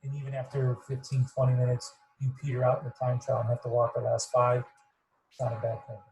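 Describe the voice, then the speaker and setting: A man coaching runners over a video call, rambling and repeating himself in a fairly monotone voice, sounding muffled and fuzzy. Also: medium pitch, fast talker, vocal fry, a little hiss or hum. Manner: rambling, repeats words, self-described monotone. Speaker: running coach. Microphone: computer mic on video call.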